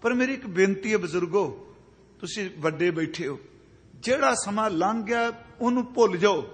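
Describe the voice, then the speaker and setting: A man in his fifties giving a sermon, chanting verses slowly and then explaining each word in plain speech. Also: high-pitched, lively intonation. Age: 50s. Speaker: Sikh preacher. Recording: long hall reverb.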